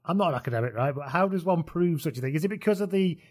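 A man hosting a casual football podcast chat, talking in a relaxed way and laughing often. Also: on the high side, very fast. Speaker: podcast host.

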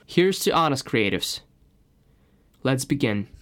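A man with a Russian accent hosts a podcast in a medium-pitched voice. A native Russian speaker, he delivers a scripted monologue in an earnest, personal storytelling way. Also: sing-song, takes it slowly, loud music behind the voice. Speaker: podcast host.

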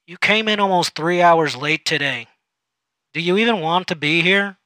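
A man voicing an overly chummy, pushy male office supervisor who talks loudly and patronizingly. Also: a little high, brisk, no room sound. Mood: overbearing. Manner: loud, overexcited, patronizing.

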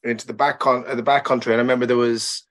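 A man's voice: medium pitch, level tone, rapid-fire. A man chatting casually, a little hesitant, breaking off and restarting his phrases. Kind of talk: casual chat.

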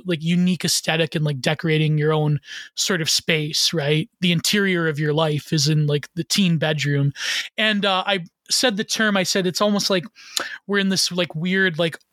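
A man's voice: on the high side, a bit bright, no room sound. A man talking as a guest on a casual podcast, rambling with many fillers and restarts.

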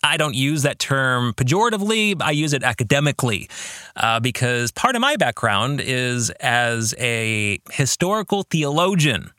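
A man hosts a book discussion podcast as a theology teacher, explaining ideas, reading quotations aloud, and asking the listener reflective questions in an academic, emphatic manner. His medium-pitched voice is sing-song, pushed and bright, at a moderate pace. The studio recording is clean with no echo.

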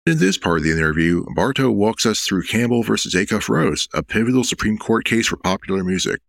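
Podcast host guy reading his lines, low gravelly voice, dry sound. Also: expressive, brisk, a bit bright, no echo. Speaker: interviewer and host. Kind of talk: scripted narration and questions.

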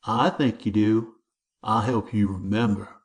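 A man voicing a big menacing schoolyard bully with a high, wavering, twangy voice. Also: fairly even intonation, measured pace, lightly acted. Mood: taunting.

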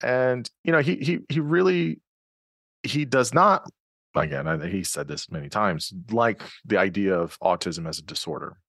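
A podcast host conducts a conversational interview, thinking aloud with plenty of fillers and restarts. His voice is fairly low and fairly bright, with lively intonation at normal speed, recorded dry with clean studio sound.

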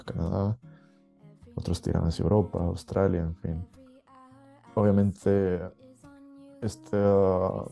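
A man from El Salvador with a Salvadoran Spanish accent, hosting a podcast in a relaxed, conversational monologue with fillers and light chuckles. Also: low-pitched, gravelly. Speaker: podcast host.

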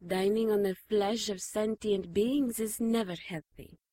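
A woman playing a shaken but caring, gently reproving nun in an audio drama. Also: medium pitch, fairly even intonation, a little slow, no room sound, natural voice. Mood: measured, reproving.

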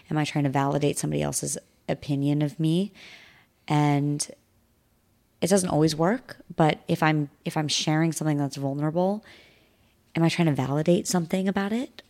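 A woman in her thirties speaks as a podcast guest in casual conversation, reflective and earnest, talking through her thoughts with restarts. Her voice sits low and is creaky and a little mellow.

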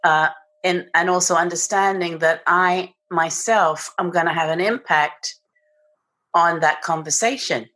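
Her voice is lowish, steady, and measured, with a pushed, bright quality: a British-accented woman from England being interviewed on a podcast. She reflects as she talks, searching for words and breaking off to restart mid-phrase.

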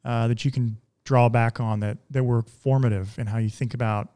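A man hosting a podcast: he reads a scripted intro, then interviews his guest in a measured, friendly way. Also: mid-range voice, steady tone, dark tone, clean tone, dry recording. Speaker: podcast host.

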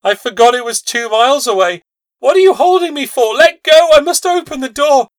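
Man doing a shrill frantic old woman. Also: takes it slowly, no room sound, clean studio sound. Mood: frantic, desperate. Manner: shrill screaming cries. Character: frantic grieving old woman, desperate mother.

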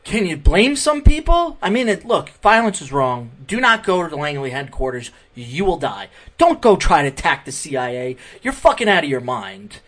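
A man hosts a political podcast and reacts to video clips. He rants heatedly, swears often and hammers his points by repeating them. His pitch sits a little high. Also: sing-song, normal speed, hardly any pauses, fairly bright tone. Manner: heated, profane, repetitive ranting. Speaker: podcast host. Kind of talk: political commentary over clips.

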